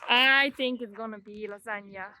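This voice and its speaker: Woman from belgium, pretty high voice, just chatting away for her vlog. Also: moderate pace, bright, forceful tone, slight background noise. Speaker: vlogger. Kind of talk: casual vlog chat.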